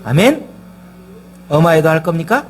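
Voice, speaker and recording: A man's voice: on the high side, very animated, normal speed, a little hiss or hum. A male pastor preaching a sermon in a church, emphatic and firing rhetorical questions at the congregation. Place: church sanctuary.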